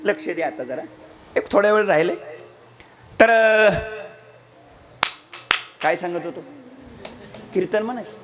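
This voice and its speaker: A middle-aged male kirtan preacher telling a story in a devotional sermon, animated and theatrical as he addresses his audience. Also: high-pitched, a little slow, long pauses, over music.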